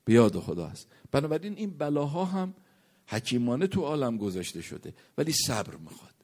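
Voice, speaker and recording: A man's voice: big pitch swings, a little mellow. A man preaching a sermon, reciting Arabic verses and hadith and telling a story, his voice rising and sinking to a near whisper. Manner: rises and falls in pitch, drops to a near whisper at points.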